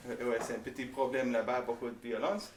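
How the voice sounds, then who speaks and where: A man with a foreign accent who is not a native French speaker, answering questions casually in halting, simple French. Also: mid-range voice, little pitch movement. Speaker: project founder answering audience questions. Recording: echoey room, distant mic, faint noise.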